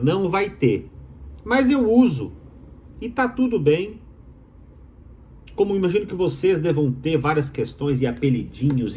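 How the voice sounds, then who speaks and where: This doctoral student from Minas Gerais speaks Mineiro Brazilian Portuguese in a mid-range, slightly mellow voice over a little hiss or hum. Explaining his views to viewers, he's emphatic and rhetorical and keeps repeating his main phrases.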